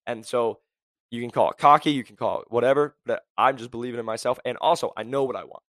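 A young man hosting a career podcast, blunt and high-energy, packed with "like" and "right?". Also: fast talker, a bit bright, no echo. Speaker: podcast host. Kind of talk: motivational career podcast talk.

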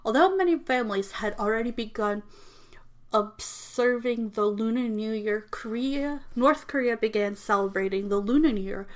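A woman whose first language isn't English reads an informational text aloud, stumbling often and correcting herself. Her voice is a little high and her pace moderate. She apologizes for mispronouncing names.

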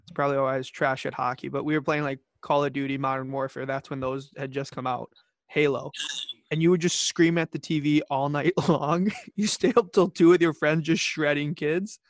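Man, podcast host, easygoing, joking, slightly high voice. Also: steady tone, a little fast, no room sound, studio quality. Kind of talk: casual podcast chat.

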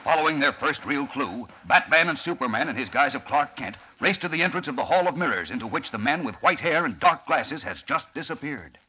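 A man's voice: medium pitch, expressive, fairly quick, few pauses, slightly rough, soft background music. A man performing as an old radio announcer, narrating an adventure serial in a theatrical, dramatic style. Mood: urgent, excited. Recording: dull vintage radio recording, faint noise.

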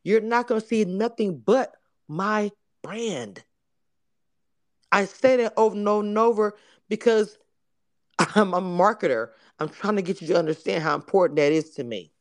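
A woman's voice: medium pitch, moderate pace. A woman in her forties hosting a casual live audio chat, blunt and profane. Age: 40s. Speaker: host.

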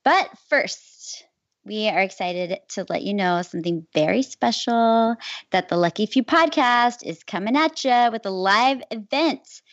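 A woman hosting a podcast, making casual announcements in an excited, emphatic way. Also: mid-range voice, unhurried, dry recording. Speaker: podcast host. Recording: dull, slightly lo-fi close recording.

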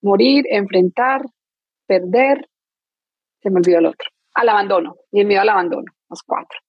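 A woman's voice: medium pitch, normal speed, slightly rough, dry recording, dull audio. Woman explaining with homey examples. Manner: teaches with everyday examples, frequent restarts. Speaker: guest speaker on emotional wounds. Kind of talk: explanatory interview talk.

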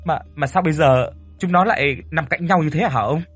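A man's voice: mid-range voice, animated, moderate pace, fairly bright tone, slightly rough, dry recording, faint music behind. A man voicing a frightened young male servant who stammers and speaks deferentially.

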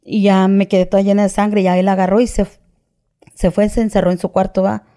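Woman, mellow dark voice, halting retelling, frequent tag questions. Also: mid-range voice, little pitch movement. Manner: tags phrases with "¿verdad?" and "¿va?"; restarts and halting phrasing. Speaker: interview guest. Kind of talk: personal testimony, casual retelling.

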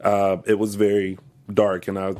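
Male guest, low voice, casual and animated. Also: normal speed. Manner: animated, jumps into high voices when quoting. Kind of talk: casual review chat.

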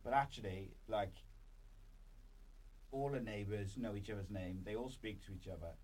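Hosting a podcast with a Welsh accent, a man talks at a normal speed in a fairly low, slightly mellow voice, rambling casually and using "like" a lot. The audio is poor, and background noise comes through clearly.

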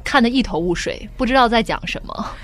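A woman's voice: a little high, lively intonation, fast talker, fairly bright tone. A woman co-hosting a casual language show, asking curious, playful questions about English abbreviations. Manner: curious, playful, laughs easily. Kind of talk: casual bilingual chat.

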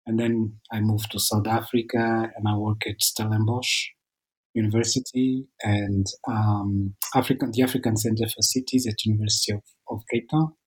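A middle-aged man with an Angolan accent answers interview questions as an academic guest, haltingly, often repeating words. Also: fairly low pitch, level tone, husky, poor audio. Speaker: academic author, podcast guest.

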